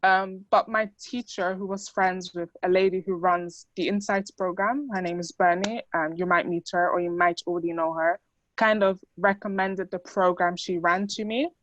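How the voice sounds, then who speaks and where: A woman's voice: lowish voice, steady tone, normal speed, dry recording, lo-fi sound. A young woman who grew up in the Netherlands and speaks Dutch as her first language, giving a chatty talk to an audience with many fillers. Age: young adult. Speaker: student speaker.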